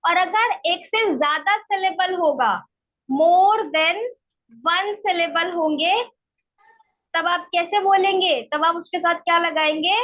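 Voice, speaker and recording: Female English teacher, very high pitch, slow and patient, keeps checking understanding; muffled online-class sound. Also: a bit bright. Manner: explains step by step, checks understanding with "ठीक है?". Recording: dull lo-fi online class audio.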